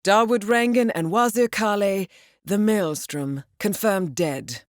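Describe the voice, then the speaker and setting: Slow and lightly acted, a woman's medium-pitched voice portrays a video game's intelligence handler briefing an assassin. The character is poised, cool, and businesslike, formal with a dry wit, and the recording has no room sound.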